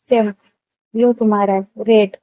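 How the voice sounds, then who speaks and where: A woman voicing an easygoing, teasing woman of thirty, with a hoarse throat. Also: medium pitch, level tone, measured pace, mellow, no room sound, natural voice, poor audio. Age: 30s.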